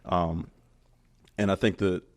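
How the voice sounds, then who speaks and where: Man, podcast host, low voice, earnest, reflective, casual interview. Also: fairly even intonation, slow. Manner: earnest, reflective, calls the guest brother.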